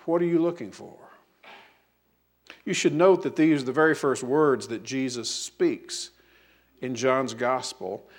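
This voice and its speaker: A man preaching a sermon as pastor, telling a story with lively quoted voices and slow, emphatic repetition. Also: medium pitch.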